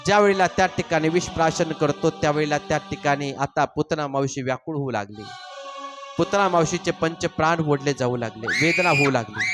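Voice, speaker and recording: A man with a Marathi accent, preaching a devotional story sermon, dramatically acting out the characters' cries and dialogue. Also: fairly high pitch. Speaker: kirtan preacher telling Bhagavata story.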